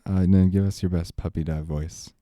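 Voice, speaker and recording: Low-voiced guy riffing sarcastically on movies, dry room. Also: fairly even intonation, a little fast, mellow, no echo. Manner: opinionated, sarcastic. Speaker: podcast co-host. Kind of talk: casual movie review chat.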